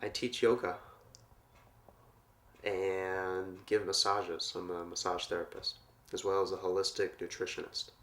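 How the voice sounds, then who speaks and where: A man from Portland, Oregon who teaches yoga, answering interview questions in a calm, earnest, spiritual way. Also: low-pitched, measured pace. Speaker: yoga teacher and massage therapist.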